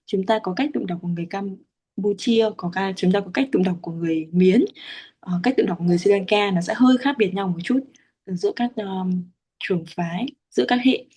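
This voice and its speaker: Her voice medium in pitch, dark and husky, a Vietnamese woman gives a patient teaching explanation of Pali chanting rules. She spells out syllable lengths, with many fillers and frequent hesitations.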